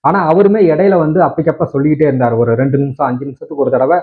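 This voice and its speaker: A tech video creator from Tamil Nadu, India, speaks with that region's accent, complaining indignantly to his viewers and arguing through many rhetorical questions. His voice is on the high side and very fast, with phone-quality sound.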